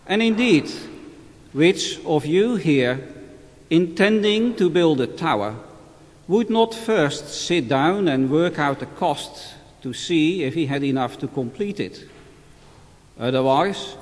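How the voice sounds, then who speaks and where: A man, a priest, reading the gospel aloud in a slow, measured liturgical proclamation, his voice carrying with a long cathedral-like reverb in a large church. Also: on the high side. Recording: reverberant church hall recording.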